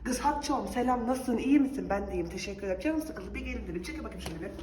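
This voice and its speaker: A woman's voice: on the high side, lively intonation, racing, a little mellow, slight background noise, close to an everyday voice. A woman voicing a nosy, chatty neighbor woman who drops by uninvited, in a comedy sketch. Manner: gossipy, familiar chatter.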